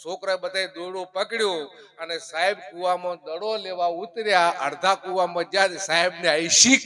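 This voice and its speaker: A young man with a Gujarati accent telling comic stories live on stage, animated and acting out the characters in his jokes. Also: sits high, moderate pace. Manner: animated, acts out quoted characters, shouts punchlines. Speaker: folk comedian and storyteller at a devotional music program.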